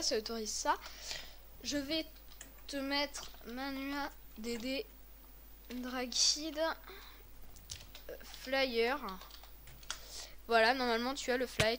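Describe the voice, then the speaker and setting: A woman's voice: sits high, a bit bright, slight background noise. A woman hosting a casual game tutorial with a friend, talking in a chatty, hesitant way with many fillers and restarts. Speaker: host of a game tutorial video.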